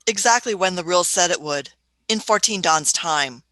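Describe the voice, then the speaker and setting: A woman's voice: on the low side, animated, normal speed, fairly bright tone, dry recording. A woman voicing a fussy elderly Doctor who chuckles, hums and uses old-fashioned phrases in a radio play. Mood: testy. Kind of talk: amateur radio play acting.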